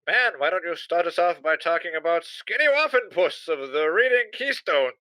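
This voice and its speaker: A man's voice: high voice, lively intonation, moderate pace, pushed and bright, no echo. A man playing a folksy 1920s radio host on a comedic parody, with a hokey announcer cadence. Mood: jovial.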